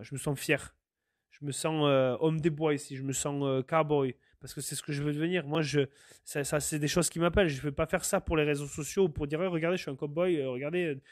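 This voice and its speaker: A Frenchman hosting a solo podcast earnestly lays out his opinions, stumbling through fillers and restarts. His voice is a little high, and the recording is dry and studio quality.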